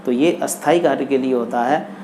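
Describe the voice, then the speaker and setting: A man teaching English grammar in Hindi, speaking deliberately and repeating each example sentence. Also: medium pitch, dark tone, a little hiss or hum.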